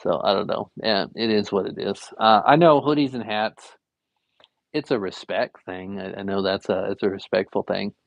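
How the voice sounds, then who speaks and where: A young adult man chats on a live stream while he draws, an art teacher who rambles along with plenty of fillers. His voice carries a gravelly fry. The sound is dry and a bit dull, with no room around it. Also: on the low side, moderate pace, dry recording. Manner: rambling, easygoing, lots of fillers. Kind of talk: casual live-stream chat while drawing.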